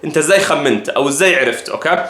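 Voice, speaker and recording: Egyptian male English teacher, higher voice, patient drilling of phrases, roomy echo. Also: lively intonation, sharp tone. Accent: Egyptian Arabic. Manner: slow careful repetition of English phrases. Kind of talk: language lesson.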